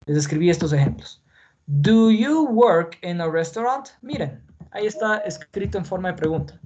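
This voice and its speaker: Patient male teacher with a higher voice. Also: darkish tone. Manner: patient, repeats points, checks in with "¿ya?". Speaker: English teacher. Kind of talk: classroom grammar lesson in Spanish. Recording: dull lo-fi sound with faint noise.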